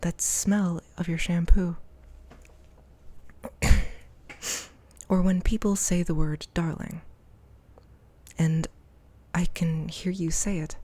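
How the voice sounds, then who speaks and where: Low-voiced woman reading letters softly. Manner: often drops into a soft whisper while reading. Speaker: streamer. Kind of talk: reading game dialogue and letters aloud on a live stream.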